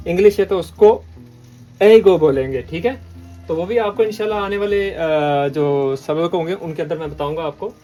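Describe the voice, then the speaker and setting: A man from Pakistan gives a patient classroom language lesson, repeating words and often checking in with the listener. His voice is a little high and dark in tone.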